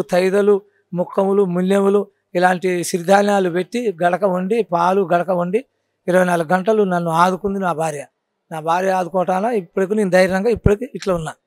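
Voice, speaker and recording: A man's voice: high voice, darkish tone, dry recording. A man with a Telangana Telugu accent, a folk storyteller telling his cancer story in an interview, earnest and repeating his points. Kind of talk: casual interview.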